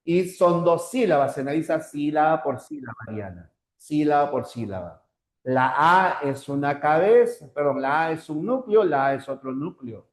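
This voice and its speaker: A man's voice: fairly high pitch, animated, moderate pace, reverberant. A man teaching a language class, explaining step by step, repeating points and checking in with short tag questions. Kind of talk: online class lecture.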